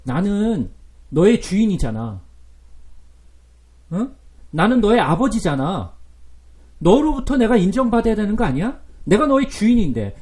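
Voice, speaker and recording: God as a wounded father, pleading and reproachful, a preacher putting him on with a lively, mellow voice that rises and falls. The tone pushes upward and grows loud with grief. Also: on the high side, creaky. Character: grieved God as a hurt father, male.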